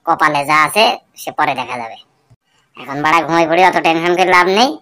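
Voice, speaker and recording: A woman's voice: low voice, a little fast, fairly bright tone. Figure: woman voicing a grumbling young village man. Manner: swears constantly. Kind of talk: cartoon voice acting.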